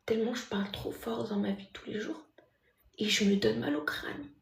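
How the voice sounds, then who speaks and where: A woman livestreamer chats casually with her viewers in a mocking, talkative way, speaking loudly by habit. Her mid-range voice is gravelly at a moderate pace, in an echoey room.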